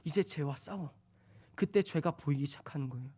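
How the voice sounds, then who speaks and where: A man preaching a sermon, swinging between loud urgent stretches and soft hushed ones. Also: a little high, fairly quick, husky.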